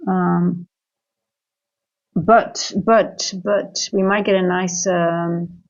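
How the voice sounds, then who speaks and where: A woman's voice: lowish voice, steady tone, very slow, highs cut off. A woman who grew up in Singapore, hosting a live trading stream and thinking aloud as she goes, with many fillers and restarts. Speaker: trading livestream host. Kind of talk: live market commentary and viewer chat.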